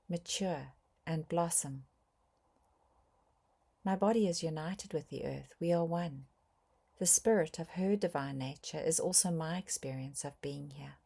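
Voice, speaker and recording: Reading from a guided meditation script, a woman speaks in a low, soft, breathy voice, pausing often and phrasing each line gently and with measure.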